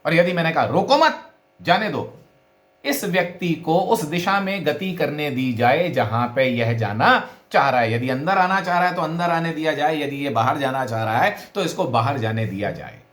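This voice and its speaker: A middle-aged man giving a philosophy video lecture, explaining deliberately with "uh" fillers and stressing words to show their meaning. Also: a little high, a bit bright. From India. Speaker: philosophy professor. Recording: echoey room.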